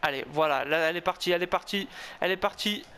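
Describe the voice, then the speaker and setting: Man, high voice, casting note: excitable gamer commentating his own football match, tense and repetitive, faint hiss behind. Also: quick pace. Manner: tense, excitable, cheering himself on, repeating words. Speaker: gaming video host. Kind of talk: excited self-commentary of a football video game.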